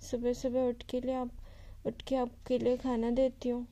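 A woman vlogger talking to her pet in a coaxing, gently scolding baby-talk manner. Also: a little high, completely flat delivery, moderate pace. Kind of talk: casual vlog talk to a pet.

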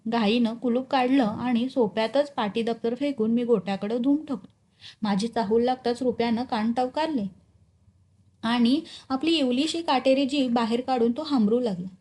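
A woman teacher reading a short story aloud in an expressive, clear way. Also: on the high side.

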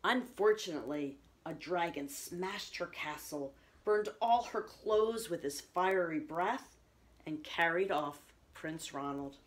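A middle-aged woman reading a children's picture book aloud with expressive storytelling delivery. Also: fairly low pitch, takes it slowly. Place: small room at home, indoors.

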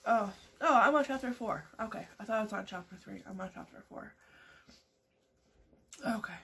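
This woman vlogger, in her thirties and from Canada, talks casually to her webcam with morning coffee in a small home room. She rambles through lots of fillers and restarts in a gravelly, fairly bright mid-range voice at normal speed, with a little hiss or hum.

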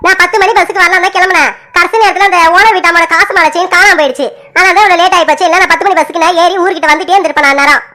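A woman's voice: extremely high pitch, steady tone, very fast, hardly any pauses, sharp tone. An actress playing a young daughter who explains and pleads with her mother in a family drama. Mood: explaining. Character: young daughter, defensive but reassuring.

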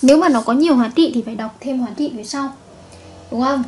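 Husky high-voiced woman teaching chemistry. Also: quick pace, darkish tone. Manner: patient, repeats and checks with "right?". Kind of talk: online video lesson.

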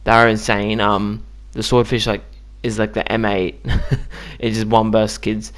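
Smooth-voiced man chatting about a game. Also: fairly low pitch, flat delivery, unhurried. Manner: chatty, loose, many ums and likes. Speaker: gaming YouTuber. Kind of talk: casual gameplay commentary.

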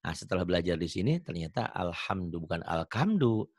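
A man's voice: low voice, very animated, fairly quick, a little mellow, husky, dry recording, clean studio sound. Man patiently drilling Arabic letter sounds. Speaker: Quran reading teacher. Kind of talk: online tajwid lesson.

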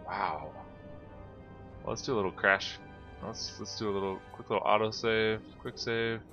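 Excitable man with a bright, forceful voice. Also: fairly low pitch, moderate pace, lo-fi sound, faint music behind. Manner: excitable, exclaiming, talks to himself. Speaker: video game player commentator. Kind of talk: casual gameplay commentary.

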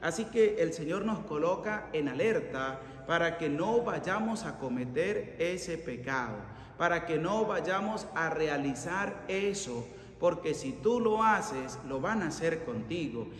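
A middle-aged priest preaching with earnest emphasis, his voice rising on the warnings. It sits a little higher than most men's and rings through a church with long reverb. A faint ambience hangs underneath. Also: lively intonation, measured pace, few pauses, a bit bright, a little hiss or hum. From Venezuela. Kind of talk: sermon. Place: church chapel by an ornate altar. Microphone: fixed camera at mid distance.

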